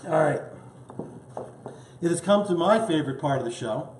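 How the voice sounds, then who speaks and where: A man's voice: fairly high pitch, expressive, moderate pace, reverberant, noisy background. A man hosting a casual home cooking show, chatting eagerly as he tastes his dish. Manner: enthusiastic, chatty, tasting food as he talks.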